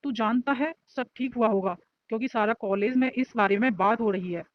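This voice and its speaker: A woman's voice: on the high side, brisk, muffled recording, natural voice. A woman voicing a shy, lovestruck young male student who talks earnestly and defensively.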